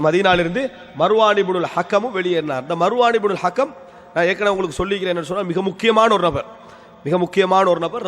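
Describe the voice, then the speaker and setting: A man's voice: high-pitched, fairly bright tone. A man giving a weekly religious lecture in a mosque. He tells a history as a story, asking rhetorical questions and answering them himself, and he repeats key phrases. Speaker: preacher. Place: mosque hall. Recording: long hall reverb.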